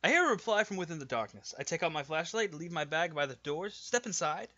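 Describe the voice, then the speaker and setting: A man reads a visual novel aloud in a laid-back read-along, sometimes tripping over words and teasing his co-reader. His voice is bright and a bit high, with a lively, animated pitch. It comes through a dull, lo-fi microphone. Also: fast talker. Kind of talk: casual read-along with banter.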